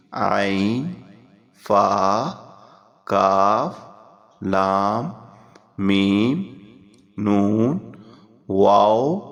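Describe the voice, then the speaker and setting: A man narrating a scripted lesson as a teacher, reciting letters slowly one by one. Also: sits low, creaky. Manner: slow, measured letter-by-letter recitation. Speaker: Quran reading teacher.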